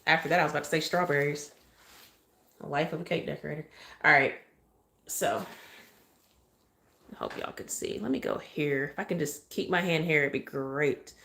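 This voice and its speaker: A woman's voice: low-pitched, very animated, moderate pace, vocal fry, long pauses, a bit bright. A chatty woman, demonstrating cake decorating on a live stream and often thanking her viewers.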